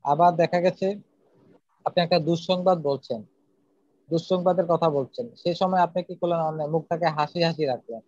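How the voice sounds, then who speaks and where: A man's voice: on the high side, fairly quick, a little mellow, no room sound. Earnest male speaking coach, dull dry sound. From Bangladesh. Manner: earnest, repeats points with numbered lists. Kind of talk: spoken lesson. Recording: slightly dull, dry recording.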